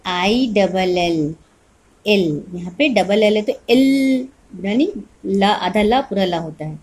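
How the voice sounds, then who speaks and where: A woman's voice: mid-range voice, animated, darkish tone. A woman teacher giving an online phonics lesson to small children, spelling words out letter by letter and answering her own questions. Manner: spells words letter by letter, then says them slowly; asks questions and answers them herself.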